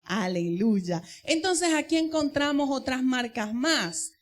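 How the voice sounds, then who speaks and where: A woman's voice: high-pitched, expressive, slow pace. A woman teaching in church, telling a personal testimony and addressing the congregation directly. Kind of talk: sermon.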